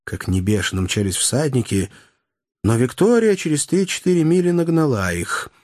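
A man narrating an adventure audiobook in measured storytelling. His pitch is animated. The sound is dry and close. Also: no echo. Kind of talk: scripted narration.

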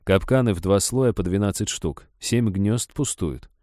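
A man narrating an audiobook in an even, storytelling way. His voice sits low and sounds dark and mellow, recorded close and dry with no room sound. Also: unhurried, no echo. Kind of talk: scripted narration.

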